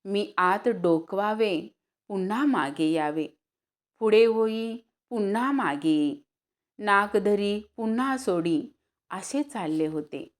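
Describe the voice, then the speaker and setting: Slow, unhurried woman reading a story. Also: animated. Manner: unhurried, acts out dialogue with raised pitch. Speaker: narrator.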